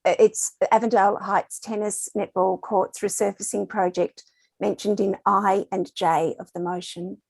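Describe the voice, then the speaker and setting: A woman councillor with a hoarse, failing voice, asking hesitant, careful procedural questions at a council meeting. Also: medium pitch, level tone, a little slow, a little mellow, dry recording. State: voice going, hoarse.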